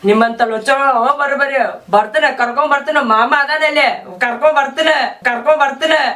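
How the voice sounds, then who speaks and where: A man's voice: extremely high pitch, fairly even intonation, quick pace. A man playing a devoted servant with a North Karnataka accent. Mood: defiant. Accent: North Karnataka Kannada. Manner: deferential, calls everyone master. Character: loyal young male servant, devoted. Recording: echoey room, distant mic, loud music.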